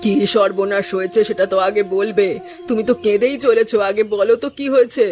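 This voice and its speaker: A woman's voice: mid-range voice, steady tone, a little fast, a little mellow, soft background music, lightly acted. A woman voicing an elderly village mother-in-law in a cartoon, scolding and suspicious, with a weary, resigned edge. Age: older. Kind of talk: cartoon dubbing.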